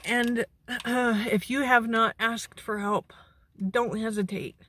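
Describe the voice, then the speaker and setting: A woman sounding anxious and shaken, speaking haltingly and earnestly to camera in a personal vlog. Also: fairly high pitch, fairly even intonation, fairly bright tone. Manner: halting, earnest, with long pauses. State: anxious, shaken during a panic attack. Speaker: mental health vlogger. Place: outdoors beside a parked car.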